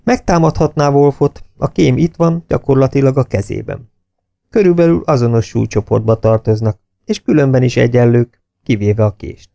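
Gravelly male audiobook narrator. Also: mid-range voice, warm tone, no room sound.

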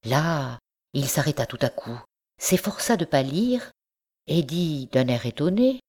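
Brief: woman narrator, measured classic storytelling, dark mellow tone. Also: low voice, lively intonation, breathy edge. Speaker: audiobook narrator. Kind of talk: classic story read aloud.

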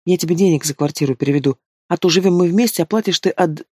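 A man's voice: on the high side, fast, dark tone, no room sound, clean studio sound, lightly acted. A man voicing an anxious pregnant young woman. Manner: tense, worried.

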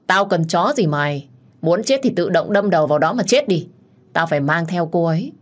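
A woman voicing a crazed, jealous young man who holds a knife and threatens and taunts in a menacing, shouting way. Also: on the low side, unhurried, breathy edge. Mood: raging.

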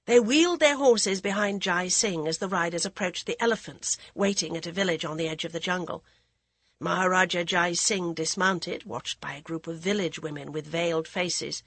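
Female audiobook narrator, husky, dry close recording, middle pitch. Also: fairly even intonation, normal speed, fairly bright tone, no echo. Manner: voices characters with raised pitch. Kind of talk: scripted storybook narration.

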